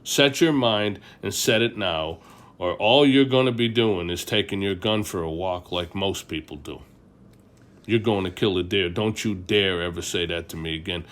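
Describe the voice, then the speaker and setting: A man's voice: low voice, moderate pace, fairly bright tone. A man doing his stern old grandfather. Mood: stern scolding. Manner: gruff, commanding, threatening.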